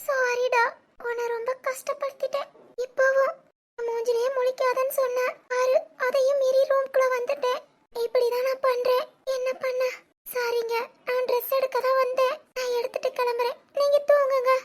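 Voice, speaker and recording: A woman voicing a young wife and college student in an animated family drama, speaking with a Tirunelveli Tamil accent, soft and pleading. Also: very high voice, normal speed. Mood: wistful. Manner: pleading, tearful, soft-spoken.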